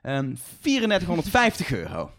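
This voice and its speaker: A man's voice: fairly high pitch, huge pitch swings, brisk, fairly bright tone. A man co-hosting a podcast, chatting casually about a TV show. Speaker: podcast co-host. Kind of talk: casual chat discussing a TV show.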